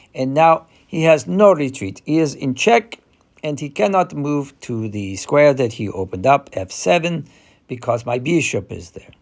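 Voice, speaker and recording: Man voicing a male chess player, Eastern European accent, mid-pitched, didactic, confident, halting tutorial delivery. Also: darkish tone. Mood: assured. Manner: halting, deliberate explanation with frequent hesitations. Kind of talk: explanatory game commentary.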